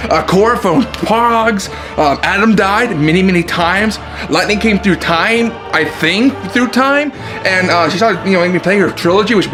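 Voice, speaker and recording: A man giving a comedic video game review in a casual, jokey way with frequent swearing. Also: high-pitched. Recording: music playing behind the voice.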